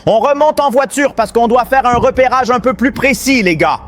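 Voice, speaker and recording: A man narrating his gameplay in an excited, panicky way, constantly calling out to his viewers. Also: very high voice, normal speed, faint music behind. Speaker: gaming video host.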